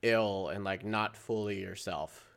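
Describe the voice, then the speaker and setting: A man's voice: lowish voice, steady tone, unhurried, gravelly, fairly bright tone, smooth. A man co-hosting a podcast in casual chat, rambling, trailing off mid-sentence and laughing often. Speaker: podcast co-host.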